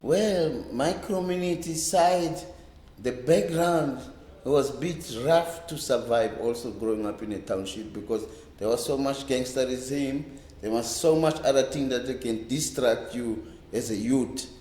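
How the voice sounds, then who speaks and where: A man in his fifties from a Cape Town township, a reggae bass player, gives a casual oral-history interview indoors in a library room with roomy, echoey sound. His voice is medium-pitched and warm, and his recollection wanders, halting and repeating words.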